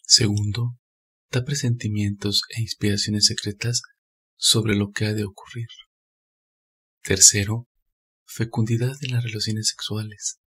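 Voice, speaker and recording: A man calmly reading a scripted spiritual narration in a measured, steady way. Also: lowish voice, breathy edge.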